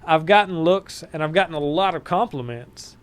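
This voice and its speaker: A car salesman with a Southern US accent tells friendly stories as a guest on a casual podcast, restarting his sentences often. His voice is fairly high, animated and moderately paced, and he drifts off his home podcast mic at times.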